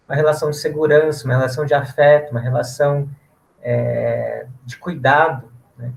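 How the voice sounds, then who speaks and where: A man on a video call answering a church group member calmly and thoughtfully, telling an illustrative story. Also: a little high, vocal fry, slight background noise, poor audio. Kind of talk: reflective reply in an online meeting.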